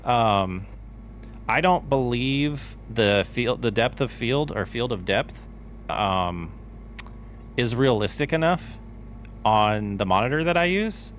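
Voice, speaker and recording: A man's voice: mid-range voice, animated, slow. A man streaming a farming game, chatting casually with his audience and rambling through answers to chat questions. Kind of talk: casual live-stream chat while gaming. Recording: faint game vehicle noise behind.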